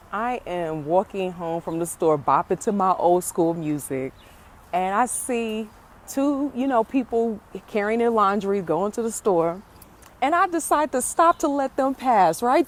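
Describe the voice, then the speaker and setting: A woman vlogger telling viewers a funny confession in a casual, animated way, laughing through her story and calling them y'all. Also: lowish voice, slight background noise.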